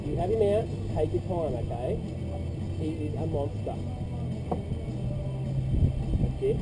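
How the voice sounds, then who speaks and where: A man coaching a young child through landing a fish outdoors, encouraging, repeating instructions and whooping with excitement. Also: a little high, measured pace, loud music behind the voice, low-quality recording. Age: adult. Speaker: uncle coaching a child fishing. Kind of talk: excited on-the-water fishing coaching. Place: outdoors on the water, fishing boat. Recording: loud wind and water noise outdoors.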